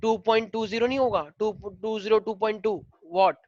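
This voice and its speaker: A man's voice: high voice, steady tone, a little fast, a little mellow, no room sound, highs cut off. Hindi-teacher man quizzing his class. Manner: mixes Hindi and English, drills students with questions. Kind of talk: online class problem-solving.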